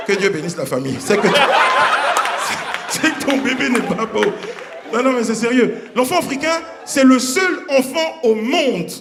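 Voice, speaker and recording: A man performing a stand-up comedy set on stage, animated and acting out characters with sudden high voices. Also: heavy background noise. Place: comedy stage before a live audience. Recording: roomy live stage sound with audience.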